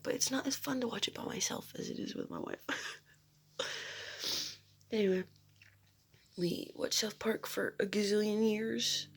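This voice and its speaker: A young woman talks to camera from her room at home, rambling and giggling as she goes. Her voice has a gravelly fry and a husky, breathy edge. She often drops into a near-whisper mid-thought. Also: mid-range voice. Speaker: vlogger. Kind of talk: casual chat to camera.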